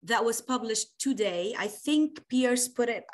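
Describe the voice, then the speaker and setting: A woman from Lebanon, a poet answering interview questions on a video call, animated and quick to laugh, thinking aloud. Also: a little high. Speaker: poet guest.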